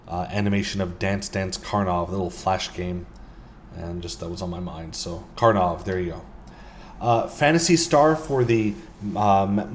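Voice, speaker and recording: This vlogger, a man with a lowish voice, rambles casually through a game shop's items, peppering his walkthrough commentary with ums and uhs. There's slight background noise.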